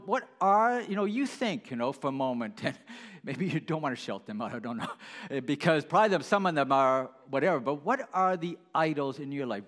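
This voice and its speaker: A man's voice: a little high, a bit bright. A man preaching a sermon to his congregation in a conversational way, asking them questions and restarting his sentences. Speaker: pastor.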